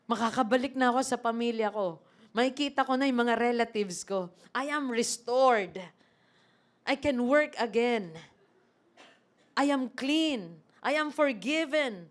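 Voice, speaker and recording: A woman's voice: extremely high pitch, normal speed, pitched above the performer's own voice. A woman preacher voicing a man just healed, exclaiming his thanks with joy. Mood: overjoyed.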